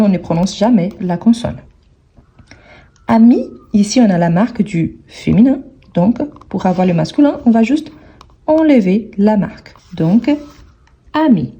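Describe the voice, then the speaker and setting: A woman teaching French grammar, speaking slowly and carefully and repeating each word several times as she explains an exercise. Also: medium pitch, dark tone, slightly rough. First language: Portuguese.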